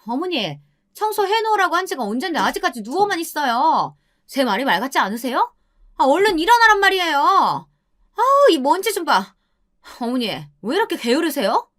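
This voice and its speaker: Woman doing a high, screeching young wife, scornful and nasty, radio-drama story. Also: expressive, normal speed. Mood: shrill nagging. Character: shrill cruel young wife nagging her mother-in-law.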